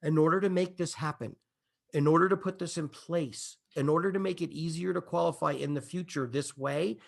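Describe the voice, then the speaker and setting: A man giving an excitable, emphatic business opportunity presentation, building hype and checking in with his audience as he goes. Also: fairly high pitch, a little fast, vocal fry. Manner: repeats "okay?" and "imagine this" to the audience. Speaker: company presenter.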